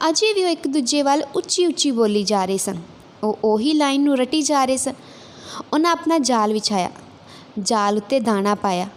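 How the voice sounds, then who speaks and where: A woman telling a religious moral story in a steady, clear narrating voice. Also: fairly high pitch.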